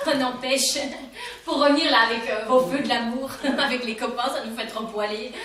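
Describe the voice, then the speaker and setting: An actress playing a disillusioned young drama student who talks in a blunt, slangy way on a theatre stage. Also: female voice, a little high, steady tone, moderate pace, fairly bright tone, a little hiss or hum, close to an everyday voice. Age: young adult. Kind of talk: stage comedy performance. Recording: roomy stage sound from far off.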